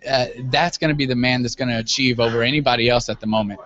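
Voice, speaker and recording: A man's voice: mid-range voice, steady tone, fast, a bit bright. Man explaining casually on a dull recording. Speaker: guest, web business owner. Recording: dull, lo-fi audio.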